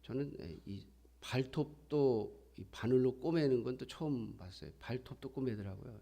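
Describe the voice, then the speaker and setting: A man's voice: mid-range voice, mellow. A middle-aged man preaching a sermon in a conversational style, sometimes acting out quoted voices. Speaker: pastor.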